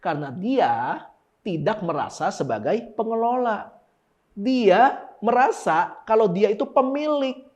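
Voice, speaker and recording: A man preaching a sermon in a lively, casual way, firing off rhetorical questions and slangy asides. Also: high-pitched, a little slow, lo-fi sound. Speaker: pastor. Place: church service.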